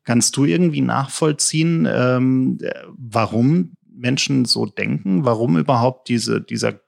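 A man's voice: medium pitch, unhurried, vocal fry. A man interviewing a guest, asking long, rambling questions full of fillers. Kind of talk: conversational interview.

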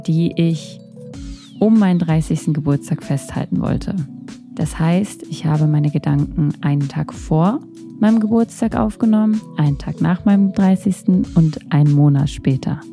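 A thirty-year-old woman hosts a podcast in a low-pitched, mellow voice, recorded close on a handheld microphone. She delivers a reflective, candid personal monologue that is unscripted.

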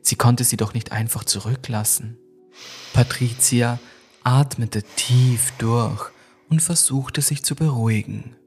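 A man narrating a scripted ghost story for a mystery podcast, measured and suspenseful. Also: medium pitch, steady tone, a little mellow, faint music behind.

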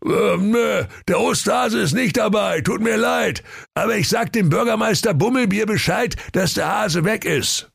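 A loud hunter: raised, gravelly, raspy, rambling. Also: male voice, sits high, moderate pace, dry recording, studio quality, voice pushed up, full character voice. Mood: matter-of-fact. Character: gruff, bumbling trigger-happy hunter.

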